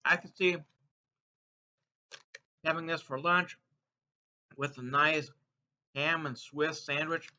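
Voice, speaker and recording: Male snack reviewer, high forceful voice, chatty and playful with viewers while crunching chips, slightly dull lo-fi recording. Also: steady tone, takes it slowly, pauses often, a little hiss or hum. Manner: eats crunchy chips between remarks. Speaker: food taste-test reviewer and host. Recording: dull, muffled lo-fi sound.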